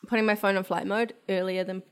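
A woman's voice: mid-range voice, little pitch movement, fast talker, clear, resonant tone. A woman chats as a podcast host. Her talk is loose and giggly, and laughter keeps breaking into her sentences. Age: 20s. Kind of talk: casual chat.

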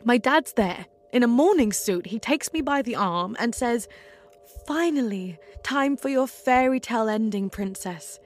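A woman's voice: a little high, lively intonation, unhurried. An actress playing a wry female protagonist, telling her story in first-person, present-tense dramatic narration. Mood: vivid, dry.

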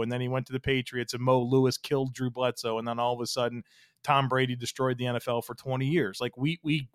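A man's voice: mid-range voice, clear, resonant tone, no room sound, studio quality. Rambling man hosting a sports podcast. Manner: rambling, heavy use of "like". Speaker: podcast host. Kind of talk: casual sports chat.

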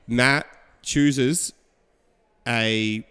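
A man hosting a casual sports podcast, telling stories with animated quoting. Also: medium pitch, extremely slow, clear, resonant tone, long reverb tail. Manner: animated storyteller, acts out quotes. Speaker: podcast host. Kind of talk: casual chat.

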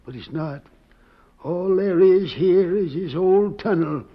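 An American actor playing a folksy, excitable old prospector with a raspy voice in an old-time radio western. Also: male voice, high-pitched, slow pace, full character voice. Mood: folksy, explaining. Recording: muffled old radio recording.

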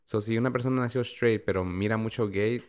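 Man, low voice, casual chat, hesitant, halting, some English words. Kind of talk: casual conversation.

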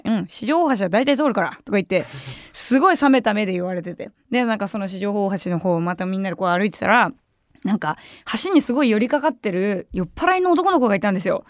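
Fast-talking young woman radio host. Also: on the high side, no room sound, studio quality. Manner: chatty, animated, acts out quoted voices. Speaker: radio personality. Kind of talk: casual radio storytelling. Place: radio studio.

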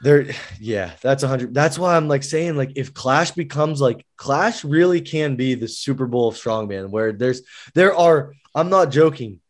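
An American man hosting a podcast in casual chat, animated and rambling with lots of fillers. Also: mid-range voice, unhurried. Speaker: podcast host.

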